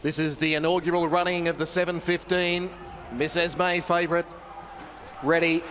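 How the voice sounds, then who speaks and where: Clear background noise surrounds a man calling a greyhound race live. His pitch is high and stays within a narrow, even band. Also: normal speed. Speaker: race caller. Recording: clearly noisy trackside broadcast.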